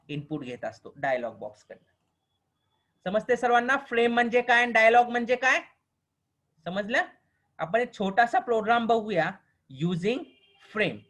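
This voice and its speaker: A man with a Marathi accent teaching a programming class online, often pausing to ask whether the students understand and slowing down for the English definitions. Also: high voice, fairly bright tone. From Maharashtra, India. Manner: keeps checking if students understand; mixes slow dictated English with quicker explaining.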